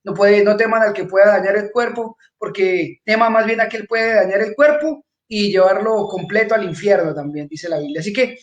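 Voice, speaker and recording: A man, preaching as a pastor in a steady, earnest way. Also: sits high, normal speed, hardly any pauses, muffled recording. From Peru. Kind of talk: church sermon greeting. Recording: echoey room.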